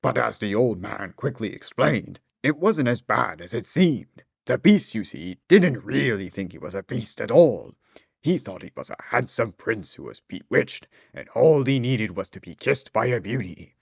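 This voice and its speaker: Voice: mid-range voice, big pitch swings, moderate pace, creaky, husky, dry recording. A storyteller giving a theatrical, wry comic narration of a fairy tale on a dull lo-fi recording.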